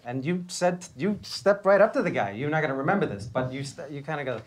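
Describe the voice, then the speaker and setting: A middle-aged man hosting a casual onstage interview, halting and stammering, laughing often, speaking into a stand mic in a small hall with an audience. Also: fairly high pitch, animated, slight background noise. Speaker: host.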